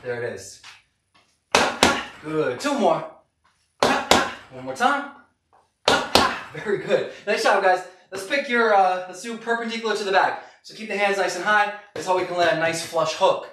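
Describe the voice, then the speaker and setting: A middle-aged man with a fairly high voice leads a boxing class while hitting a punching bag. He calls short, punchy, encouraging cues. He is far from the microphone in an echoey space with very loud noise. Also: animated, unhurried, pauses often. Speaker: boxing fitness coach. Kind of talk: live workout instruction. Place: garage gym, indoors, camera several metres away. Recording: echoey noisy garage, far from mic.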